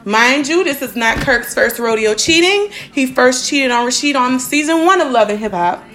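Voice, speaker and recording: A woman's voice: high voice, expressive, normal speed, a bit bright, faint music behind. A woman hosting a casual podcast chat, brash and profane as she reads listener questions. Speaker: podcast host.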